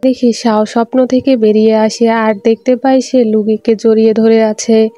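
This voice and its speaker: A woman narrating a film recap in a steady, even storytelling read, with soft music underneath. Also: a little high, normal speed, no room sound, dull audio. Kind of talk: scripted movie recap narration.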